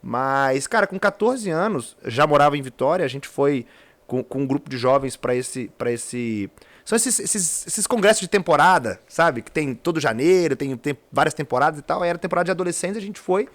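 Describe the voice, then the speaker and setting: A man with a slightly raised voice recounts his own life as a podcast guest. He is relaxed and talkative, often laughing and restarting his sentences. He grew up in Espírito Santo and is a pastor and psychologist. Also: a little high, brisk. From Espírito Santo, Brazil. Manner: chatty, laughs easily, trails off and restarts. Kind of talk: casual storytelling interview.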